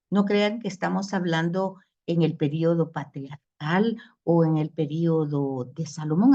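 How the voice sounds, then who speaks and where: A woman teaching a theology class, explaining step by step and often asking "right?" to check that students follow. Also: medium pitch. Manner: explanatory, repeats "¿verdad?" to check understanding; self-correcting, with restarts. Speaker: theology lecturer. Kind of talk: classroom lecture.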